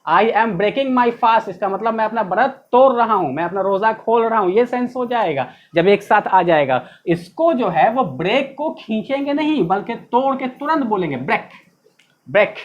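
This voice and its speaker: A woman's voice: fairly high pitch, animated, normal speed, hardly any pauses. A woman with an Indian accent teaching a pronunciation class, spelling out words letter by letter and repeating them. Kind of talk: classroom lesson. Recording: dull, slightly lo-fi recording.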